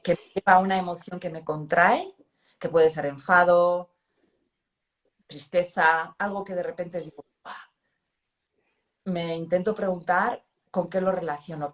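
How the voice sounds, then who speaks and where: Expressive woman host, slightly low voice. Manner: expressive, animated, self-reflective. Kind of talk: casual conversation.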